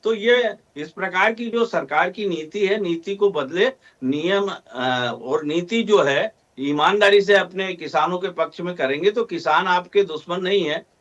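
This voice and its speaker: A man with a fairly high voice makes an earnest case on a panel discussion, pausing often with small hesitations as he argues for farmers. The sound is dull and lo-fi, like a remote feed. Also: fairly bright tone. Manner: earnest, argumentative, many hesitations. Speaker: farmer representative guest.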